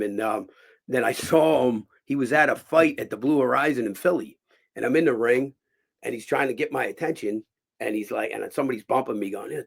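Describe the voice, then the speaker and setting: A man, hosting a show and telling rough, profane stories in a casual, animated way. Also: medium pitch. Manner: animated, profane, acts out quotes. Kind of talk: casual storytelling.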